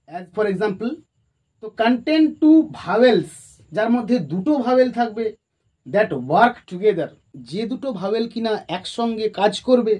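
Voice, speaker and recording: Slow, patient grammar teacher at a board. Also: medium pitch, darkish tone. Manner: dictates definitions slowly, word by word, then explains them; patient, repeats key terms. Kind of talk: classroom lesson at a board.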